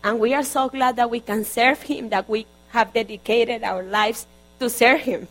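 A woman from Colombia with a Colombian Spanish accent preaching a sermon in English, her second language, earnest and halting with frequent restarts. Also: fairly high pitch, fairly even intonation, low-quality recording. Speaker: guest preacher.

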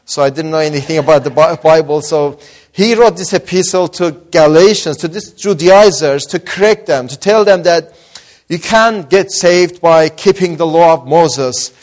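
A guest preacher of Azerbaijani-Iranian background, speaking with a blend of Azeri, Persian and Australian accents, delivers a sermon with scripture reading and prayer. His voice is on the high side at a moderate pace, building from a soft opening to raised, emphatic preaching, with hesitant fillers between phrases.

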